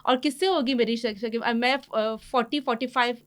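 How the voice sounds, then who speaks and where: A woman in her forties, a podcast interview guest, speaking haltingly with frequent restarts and English words mixed in. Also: a little high. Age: 40s.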